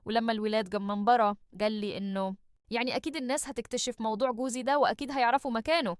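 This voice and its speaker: Fast-talking Egyptian woman storyteller. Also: fairly high pitch, steady tone, clean tone, no echo, clean studio sound. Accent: Egyptian Arabic. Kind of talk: first-person story narration.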